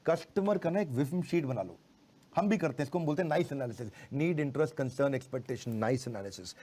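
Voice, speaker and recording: A middle-aged man giving a motivational sales lecture, animated, slowly repeating key phrases for emphasis. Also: medium pitch. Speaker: sales trainer.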